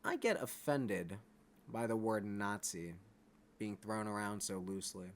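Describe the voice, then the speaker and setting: A man's voice: lowish voice, expressive, a little slow, slight background noise. A man giving a blunt, profane monologue straight to his viewers, often checking in with "all right?". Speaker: vlogger. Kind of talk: unscripted monologue to camera.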